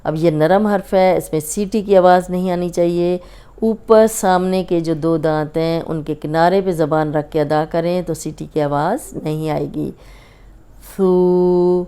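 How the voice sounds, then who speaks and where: A woman with a Pakistani Urdu accent leads a recitation lesson, drawing out practice syllables and then explaining each sound with patience. Her voice is low, warm, and smooth, with a clean resonance. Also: fairly even intonation. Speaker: Quran recitation teacher. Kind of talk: slow instructional recitation lesson.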